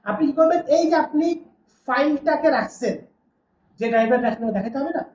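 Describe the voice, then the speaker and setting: A woman's voice: high voice, animated, fairly quick, darkish tone, slight background noise. A woman teaching a classroom lesson, often asking the class a question and then answering it herself. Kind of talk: classroom lecture. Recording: distant, dull, roomy classroom recording.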